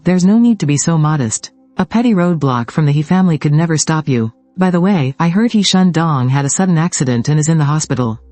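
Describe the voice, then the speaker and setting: A man reading out a story recap, voicing every part in a steady, even way. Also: fairly high pitch, dry recording. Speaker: recap narrator. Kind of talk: scripted story narration.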